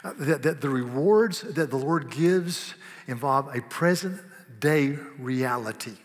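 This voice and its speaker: A man preaching a sermon, animated, swinging from loud bursts to hushed asides. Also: mid-range voice, measured pace. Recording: long reverb of a large hall.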